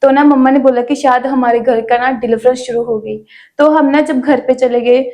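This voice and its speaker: A young woman telling her personal faith testimony in a relaxed, chatty interview, with many small fillers. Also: high-pitched, moderate pace. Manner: chatty storytelling with frequent "ना" fillers. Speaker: guest sharing her testimony.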